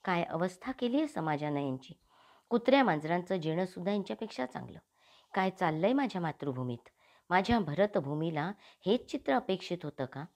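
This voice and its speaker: A woman's voice: on the low side, sing-song, fairly quick, darkish tone. A woman voicing an earnest, compassionate male spiritual thinker in an audiobook, pleading in inner monologue. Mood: impassioned. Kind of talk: audiobook character reading.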